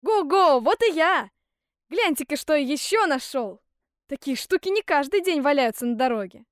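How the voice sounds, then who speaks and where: A woman's voice: a little high, very animated, moderate pace, no echo, clean studio sound. A woman reading a storybook aloud, voicing a boisterous, cocky young simpleton man who whoops and boasts. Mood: whooping. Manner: loud whooping, brash and gleeful.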